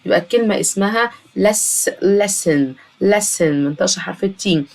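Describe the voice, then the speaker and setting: A woman with an Egyptian Arabic accent, teaching a children's English lesson and slowly repeating each English word. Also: mid-range voice, lively intonation, a little mellow. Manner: slow, drawn-out repetition of English words.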